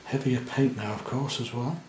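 Gentle man teaching watercolour. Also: medium pitch, fairly even intonation, moderate pace, reverberant, slight background noise. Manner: gentle, chatty, thinking aloud while painting. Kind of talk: painting demonstration narration. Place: indoor studio at the easel.

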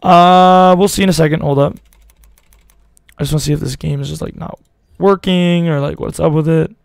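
A man's voice: a little high, steady tone, normal speed, creaky, clean tone, no echo. A young man streaming live, rambling casually to his chat in slangy talk, his voice a little worn out.

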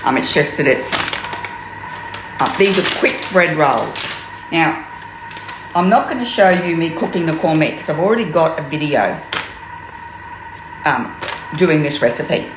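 Recorded on a camera mic from mid distance in a roomy kitchen with steady noise, an Australian woman in her sixties demonstrates cooking at home. Her voice sits low, her pace is measured with frequent pauses, and her tutorial is chatty and rambling, full of ums.

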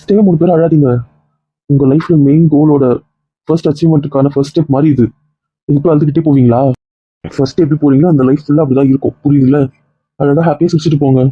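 A man playing a fast, husky, coaxing husband. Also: a little high, steady tone, highs cut off. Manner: coaxing, then stern threats. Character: caring husband coaxing a tearful college-bound wife. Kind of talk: homemade family skit.

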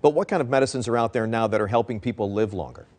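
A middle-aged man anchoring a studio news segment, asking brisk, friendly questions. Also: on the low side, darkish tone.

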